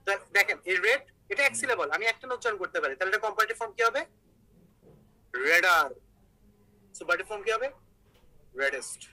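A man's voice: high voice, animated, racing, hardly any pauses, sharp tone, poor audio. A man teaching an online English grammar class, explaining step by step and asking his students questions.

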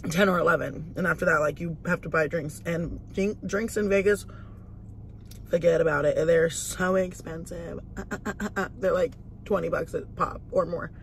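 A woman's voice: lowish voice, steady tone, moderate pace, slight background noise. Chatty, foul-mouthed woman vlogger in a car. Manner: chatty, profane, lots of "like". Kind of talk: casual storytime while eating. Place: inside a parked car.

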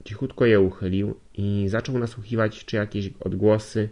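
Male audiobook narrator, lowish voice, steady read with small self-corrections. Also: moderate pace, dull audio. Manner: steady reading with occasional slips and self-corrections. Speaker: audiobook reader.

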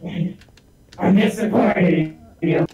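A roleplayer voicing an abrasive, centuries-old military android that is a fox-bunny hybrid, talking brashly and often shouting. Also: mid-range voice, slow, highs cut off. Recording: very echoey, far from mic, loud music and crowd.

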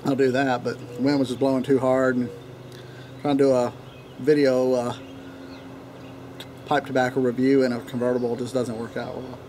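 A man, chatting casually and unhurriedly, with pauses, as he rambles through a pipe tobacco review. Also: mid-range voice, little pitch movement, a little mellow, slight background noise. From Tennessee, United States. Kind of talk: casual vlog chat. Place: outdoor wooden deck in a leafy yard. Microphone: camera a few feet away. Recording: outdoor ambience with birdsong. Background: birds chirping, occasional dog barking.

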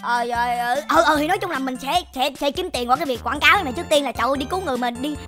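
A woman hosting a game role-play, excitable and repeating words in fast bursts. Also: high voice, faint music behind. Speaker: gamer host.

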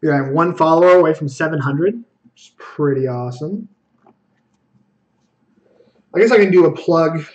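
A man's voice: fairly high pitch, moderate pace, pauses often, lo-fi sound. Self-critical young man thinking aloud. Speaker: streamer playing a card game. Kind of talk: live gameplay commentary.

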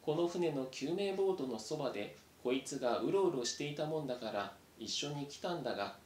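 A brash buck-toothed mouse bragging loudly and high in a storybook reading, as a man acts him out. Echo of the room and a faint rumble follow him. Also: lively intonation, a little fast, natural voice. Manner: brash, boastful. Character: buck-toothed male mouse, proud biter.

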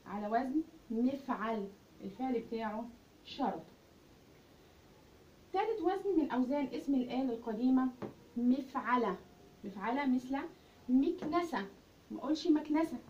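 A woman's voice: sits high, darkish tone. A woman with an Egyptian Arabic accent teaching a grammar lesson, asking questions and then answering them herself. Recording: roomy, distant, muffled recording with faint hiss.

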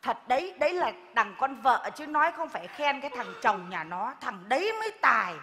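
Bright, high-pitched woman as a nagging village neighbor; live stage sketch with hall reverb. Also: very animated, fairly quick, a little hiss or hum, exaggerated voice. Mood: scolding. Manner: scolding, lecturing, loud and exaggerated. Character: bossy preachy village woman, neighbor scolding a pregnant woman. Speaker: comic stage actor. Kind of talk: live stage comedy skit.

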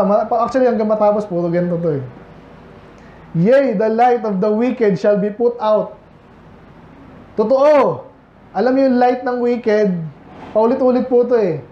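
A man preaching a sermon as pastor, talking with the congregation through questions and mimicking complainers in a high mocking voice. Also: a little hiss or hum. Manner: conversational, asks the congregation questions. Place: church hall. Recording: echoey, dull room recording.

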